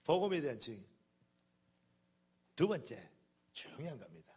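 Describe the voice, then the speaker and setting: A man preaching a sermon as pastor, in a Jeolla dialect, swinging between loud emphatic declarations and quiet conversational asides. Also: medium pitch, very animated, normal speed, breathy edge.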